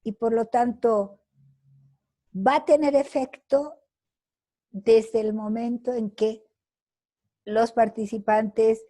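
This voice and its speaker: An older woman teaches over a video call, taking her time as she answers students. She talks slowly and thinks aloud with fillers and little tag questions. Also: mid-range voice, dark tone. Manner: slow, deliberate, with many fillers and tag questions. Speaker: lecturer.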